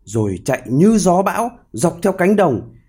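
Animated male storyteller, lively pitch. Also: normal speed, husky. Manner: expressive, animated reading. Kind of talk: scripted storybook narration.

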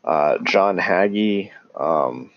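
A man talking casually and haltingly about scripture, with many pauses and restarts. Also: deep voice, expressive, lo-fi sound. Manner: calls himself tongue-tied. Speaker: religious commentator. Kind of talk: casual unscripted talk on scripture.

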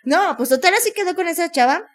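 A woman with a Mexican accent telling a story in casual chat, animated, full of crude slang and acted-out voices. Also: very high-pitched, fast, a crowd in the background. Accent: Mexican Spanish.

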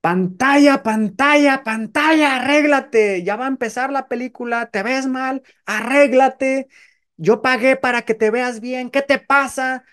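Brief: male performer as furious woman yelling at a cinema screen, shrill and much higher. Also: a little slow, smooth. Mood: shrill, indignant. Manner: shrill and scolding.

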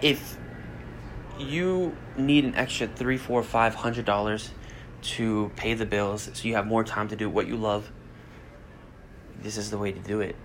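A man's voice: fairly low pitch, unhurried, long pauses, fairly bright tone. A young man hosting a podcast, talking in a blunt, rambling, motivational way and swearing freely. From United States. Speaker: podcast host. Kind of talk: casual motivational monologue.

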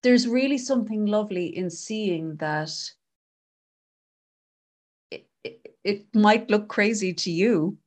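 A woman talking thoughtfully in a casual conversation, gently explaining an idea through a story. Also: medium pitch, slow pace, pauses often. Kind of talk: reflective conversation.

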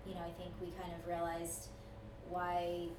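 Low-voiced woman, soft and hesitant. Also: monotone, measured pace. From born in China, grew up in Houston. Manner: soft, hesitant with many fillers. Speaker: ice cream shop co-owner. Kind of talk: casual interview. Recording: echoey room, distant mic, noisy.

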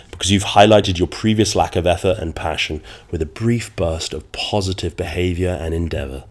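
A man with a nasal, congested voice from a cold, hosting a solo podcast in a conversational, wordy and slightly dramatic way. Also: low-pitched. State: getting over a cold. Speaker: podcast host.

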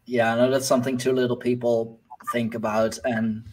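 A man's voice: mid-range voice, level tone, moderate pace, a little mellow, low-quality recording. A man hosting a casual conversation, hesitant and often trailing off as he searches for words. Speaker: podcast host. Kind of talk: casual chat.

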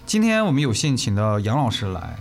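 A man co-hosts a casual radio interview at a brisk pace. His talk is colloquial and enthusiastic, with a little music behind it. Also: medium pitch, huge pitch swings. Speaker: radio show co-host.

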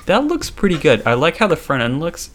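A man co-hosting a casual podcast, easygoing, chiming in with quick reactions and the odd curse. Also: fairly high pitch, huge pitch swings, a little hiss or hum. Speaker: podcast co-host. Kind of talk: casual chat.

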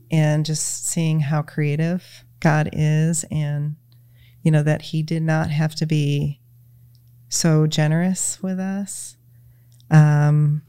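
A woman as a podcast guest, talking in a gentle, reflective way with many "you know"s. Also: low voice, clean tone, dry recording, clean studio sound. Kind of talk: casual conversation, retelling a children's story.

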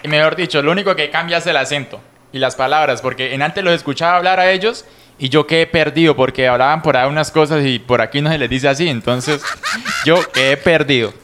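A man's voice: on the high side, fairly quick, a bit bright, a little hiss or hum. A man from Colombia co-hosting a casual podcast chat in an easygoing, friendly way. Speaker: podcast co-host.

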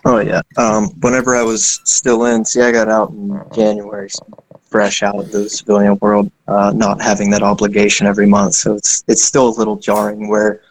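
A man's voice: lowish voice, completely flat delivery, moderate pace, rough recording. A young man, an indie game developer, talking in a rambling, casual way with many fillers and asides. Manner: rambling, self-deprecating, frequent fillers. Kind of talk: casual conversation.

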